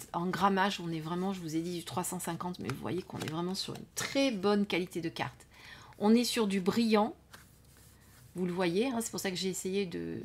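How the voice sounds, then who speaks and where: A woman hosting a casual review of an oracle card deck, speaking softly and unhurriedly, often trailing off to near whispers, with frequent fillers. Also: fairly low pitch, a little hiss or hum. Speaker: card reading channel host. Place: indoors at home under studio lights.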